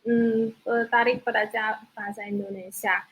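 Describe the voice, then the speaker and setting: A young woman from China with a Chinese accent, answering interview questions as a foreign student in halting, simple phrases. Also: on the high side, level tone, slightly rough, phone-quality sound. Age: young adult. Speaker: student guest. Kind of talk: online talk show interview answers.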